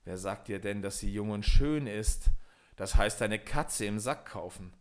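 A man's voice: fairly low pitch, unhurried, lightly acted. A man voicing a young caliph turned into a stork in a fairy tale audiobook, speaking earnestly. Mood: weary. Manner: earnest, sighing.

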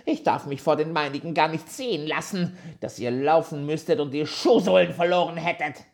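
A reader voicing an ill-tempered tiny old male dwarf with a shrill, screeching voice, scolding and insulting. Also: normal speed, creaky, lightly acted. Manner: scolding, insulting, high and loud.

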